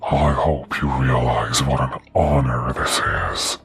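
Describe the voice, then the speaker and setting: A man voicing a haughty, sinister hooded cult priest with a sibilant, whispery rasp in a horror story. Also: extremely low pitch, fairly even intonation, music in the background, voice pushed down. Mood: haughty menace. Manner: haughty, slow, menacing.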